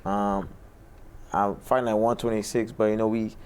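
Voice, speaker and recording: A man's voice: lowish voice, level tone, normal speed, darkish tone, clear, resonant tone. A man from Barbados, a boxer answering interview questions in a laid-back way with short answers and fillers in a studio. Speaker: boxer guest.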